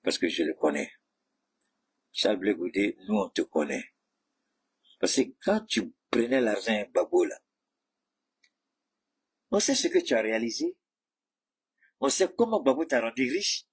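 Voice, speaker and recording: Husky man ranting with mocking scorn. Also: lowish voice, big pitch swings, unhurried, pauses often. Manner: mocking, combative, addresses rivals directly. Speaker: political commentator. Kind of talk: heated monologue commentary.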